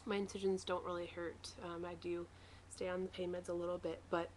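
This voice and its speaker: A woman's voice: on the low side, flat delivery, fairly quick, a little mellow, slight background noise. A woman talking casually and matter-of-factly in a rambling personal video diary, recorded at home. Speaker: vlogger sharing a weight-loss surgery recovery diary.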